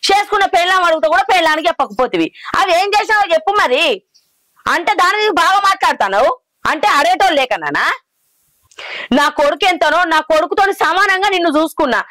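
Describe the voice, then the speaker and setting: A woman's voice: extremely high pitch, sharp tone, no echo, exaggerated voice. A middle-aged woman playing a stern village mother who scolds her son-in-law. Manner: scolding, indignant. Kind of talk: village short film acting.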